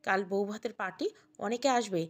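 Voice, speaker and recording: A woman voicing a firm older father-in-law in an audio story, speaking calmly and with authority. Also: fairly quick, close to an everyday voice. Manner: firm, lowered, calm.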